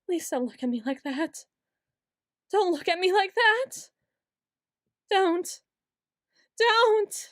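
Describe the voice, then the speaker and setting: Yandere student girl, high-pitched, paranoid, frantic, stammering, accusing, insistent repetition, ASMR role-play, dry recording. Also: unhurried, no room sound. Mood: fearful, pleading. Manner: stammering, pleading, repeats words insistently. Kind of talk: ASMR role-play monologue, acted straight to the listener.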